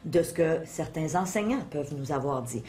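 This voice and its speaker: A woman's voice: sits low, animated, moderate pace, mellow. A middle-aged woman with a Quebec French accent, explaining self-help ideas conversationally as an interview guest, teaching through questions and examples. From Quebec, Canada. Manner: didactic, addresses listeners with questions and examples. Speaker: interview guest, motivational speaker and author.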